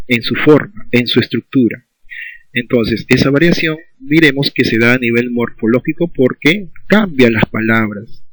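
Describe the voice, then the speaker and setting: A man's voice: medium pitch, no room sound, low-quality recording. Male teacher explaining patiently. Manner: patient explaining, often checks in with "¿sí?". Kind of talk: recorded school lesson.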